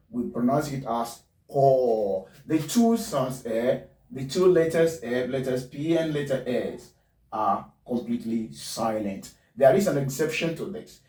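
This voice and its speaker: Male phonetics teacher, deliberate drill-like delivery, dark timbre, echoey room. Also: mid-range voice. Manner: spells words letter by letter, repeats them slowly. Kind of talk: pronunciation lesson. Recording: roomy, distant mic.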